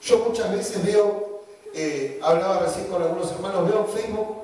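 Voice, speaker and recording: A man's voice: high voice, moderate pace, warm tone. A man with a Rioplatense Spanish accent preaching a sermon, joking and mocking as he acts out quoted voices. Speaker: pastor. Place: church hall. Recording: echoey church from a distance.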